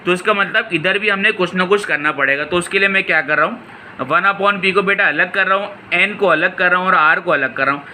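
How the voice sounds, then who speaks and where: A man explains exam solutions in a fairly high, strikingly bright voice. He calls his students "beta" and asks questions only to answer them himself. A faint air-conditioning hum runs underneath. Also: a little fast, rough recording. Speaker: physics tutor.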